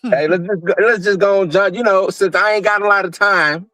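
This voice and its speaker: Brief: high-pitched male co-host, laid back, calling in by phone from a car. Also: fairly even intonation, fairly quick, sharp tone. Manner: laid-back, short backing replies. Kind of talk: casual chat.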